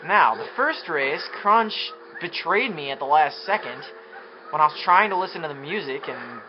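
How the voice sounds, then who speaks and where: A man giving gameplay commentary, frustrated, swearing and yelling at the game as he plays. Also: on the high side, moderate pace. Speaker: let's play commentator. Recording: muffled lo-fi recording with steady noise.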